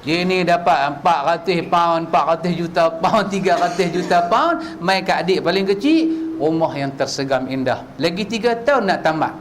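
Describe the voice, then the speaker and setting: High-voiced preacher firing rhetorical questions. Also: male voice, animated, moderate pace, background noise. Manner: rhetorical questions, swings from low asides to high shouted peaks. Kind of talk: religious lecture. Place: mosque prayer hall.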